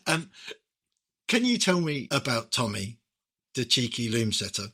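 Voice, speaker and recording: A man's voice: mid-range voice, very animated, slow pace, bright, forceful tone, breathy edge. A man hosting a podcast interview, hesitant and repeating words as he asks questions. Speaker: podcast host. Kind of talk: casual interview chat.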